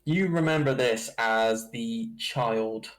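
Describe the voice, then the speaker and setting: A man running a tabletop game as dungeon master, narrating in a slow, halting way with chuckles. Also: medium pitch, poor audio.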